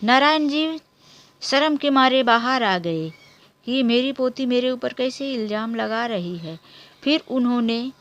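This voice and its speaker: A woman narrating a family storybook tale in a steady, plain reading manner. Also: on the high side, unhurried.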